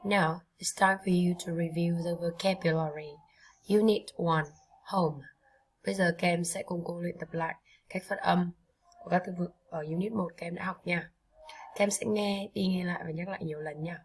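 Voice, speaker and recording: Vietnamese lady teaching kids english words, kinda low husky voice, slow and repeats everything. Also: fairly even intonation, poor audio. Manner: slow, repeats each word for pupils. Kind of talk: vocabulary drill for children.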